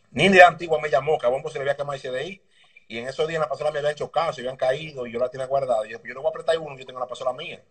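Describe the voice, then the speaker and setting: A man with a Dominican accent, a mechanic telling stories from his past in a relaxed, rambling way in an interview over a video call. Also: mid-range voice. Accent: Dominican Spanish. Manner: relaxed, rambling anecdotes with slang. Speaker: guest, motorbike mechanic. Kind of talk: casual interview storytelling. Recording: distant video call audio.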